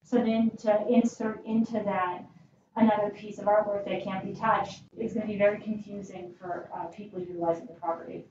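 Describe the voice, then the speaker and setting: A woman's voice: mid-range voice, fairly even intonation, a little fast. A woman board member setting out her concerns in a meeting discussion. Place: indoor meeting room around a large table. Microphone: far room mic on a video call. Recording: echoey room, distant mic, dull, noisy.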